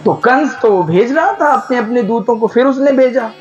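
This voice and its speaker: Indian male preacher, lo-fi with soft sitar. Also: very high voice, moderate pace, soft background music. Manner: animated, addresses the audience with questions and exhortations. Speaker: katha preacher. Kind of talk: devotional storytelling sermon.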